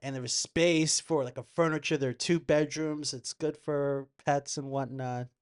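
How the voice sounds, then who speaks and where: Man, podcast guest, slightly high voice, playful, rambling casual talk. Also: fairly even intonation, smooth. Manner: playful, quick-witted, rambling. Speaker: podcast guest, real estate agent. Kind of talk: casual chat.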